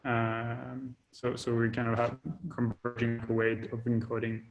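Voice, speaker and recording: A man's voice: medium pitch, completely flat delivery, unhurried, dull audio. A man giving a casual technical update on a video call, hesitant and full of fillers and restarts. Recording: call audio breaking up.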